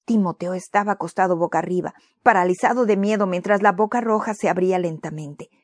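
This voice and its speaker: A woman reading a children's story aloud in a clear, expressive way. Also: lowish voice, brisk, no room sound, clean studio sound.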